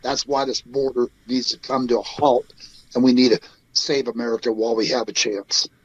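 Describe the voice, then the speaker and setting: A man's voice: medium pitch, normal speed, dull audio. A man from Idaho, a guest on a talk show, telling stories emphatically and acting out what people said. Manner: emphatic storyteller, quotes people in lively bursts. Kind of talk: remote interview guest.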